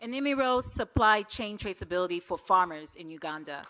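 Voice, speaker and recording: A woman's voice: medium pitch, expressive, brisk, a bit bright. Woman presenting award nominees. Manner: reads announcements steadily.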